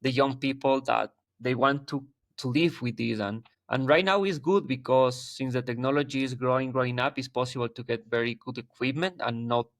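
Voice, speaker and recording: A man's voice: medium pitch, steady tone, fairly quick, hardly any pauses, a bit bright, dry recording, clean studio sound. A man in his thirties from Ecuador with an Ecuadorian Spanish accent, a guest talking in a casual interview, earnest and hunting for his words as he goes. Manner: earnest, searching for words, frequent restarts. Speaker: guest wildlife photographer.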